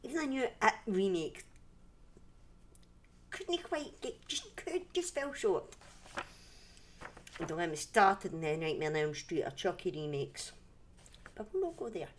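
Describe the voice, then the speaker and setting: A mid-range woman's voice with big pitch swings, a measured pace and frequent pauses, over slight background noise. The Scottish livestream host tells stories from home in a rambling, chatty way, often cutting herself off and beginning again.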